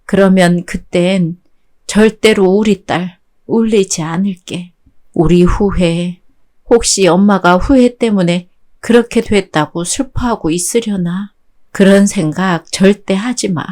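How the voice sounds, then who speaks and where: A woman voicing a gentle, grieving middle-aged mother who speaks softly and slowly in a radio drama story. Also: medium pitch, pitched below the performer's own voice, lightly acted. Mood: tender, sorrowful. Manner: soft, tender, slow farewell words.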